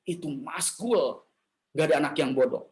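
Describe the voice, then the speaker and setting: A man's voice: on the high side, normal speed. Man preaching animatedly to a women's gathering. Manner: animated, jumps into playful quoted voices and asks the audience questions; casual slangy talk mixed with formal preaching. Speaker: speaker at a women's church gathering. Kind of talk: lively sermon.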